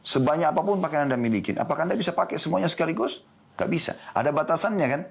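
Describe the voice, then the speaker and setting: A man's voice: a little high, racing, creaky, breathy edge. A man giving an Islamic lecture in a studio, asking his listeners questions and answering them himself. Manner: lively, rhetorical questions to the audience. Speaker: Islamic preacher.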